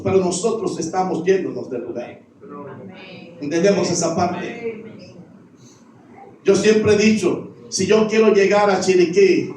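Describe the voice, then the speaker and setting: High-voiced pastor preaching in echoey church. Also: male voice, darkish tone, far from the mic, slight background noise. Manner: repetitive preaching refrains. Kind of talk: sermon. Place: church sanctuary.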